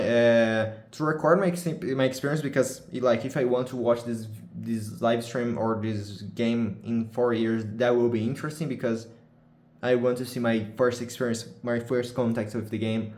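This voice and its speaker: This young Brazilian vlogger has a mid-range, darkish voice at a moderate pace, and the sound is roomy. His first language is Portuguese, and in unscripted English chat with a Brazilian accent he keeps restarting and searching for words.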